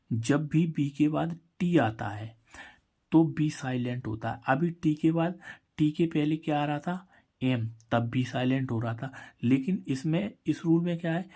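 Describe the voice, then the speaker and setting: A man's voice: mid-range voice, a little mellow. A man teaching English pronunciation, spelling words out letter by letter and answering his own questions. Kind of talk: Hindi-language English lesson.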